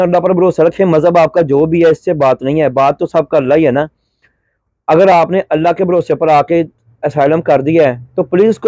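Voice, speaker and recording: A middle-aged Pakistani man vlogs advice to migrants, pleading with them like a brother while sounding a little unwell. His voice is slightly high and dark-toned, with no echo.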